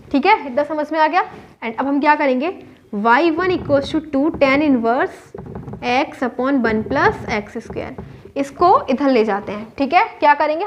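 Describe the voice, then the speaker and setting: Indian-accented woman teacher, high-pitched, walks through sums asking herself questions, muffled lo-fi recording. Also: a little hiss or hum. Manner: explains step by step, asks and answers her own questions. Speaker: maths teacher. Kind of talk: whiteboard maths lesson. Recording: dull lo-fi recording.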